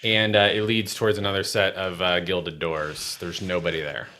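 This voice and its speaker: Male game master, fairly low voice, casual improvised narration, often halting. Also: little pitch movement, bright, forceful tone. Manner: halting, searching for words.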